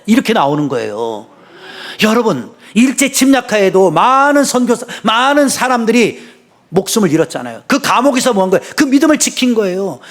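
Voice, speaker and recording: Impassioned Korean pastor preaching. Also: male voice. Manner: impassioned preaching, rising to shouts and dropping to a low conversational tone. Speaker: senior pastor. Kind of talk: sermon.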